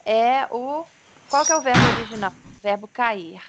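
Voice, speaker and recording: Brazilian woman teaching English online, higher voice. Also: animated. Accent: Brazilian Portuguese. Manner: patient, explanatory, models pronunciation slowly. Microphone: video call. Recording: video call with faint background noise.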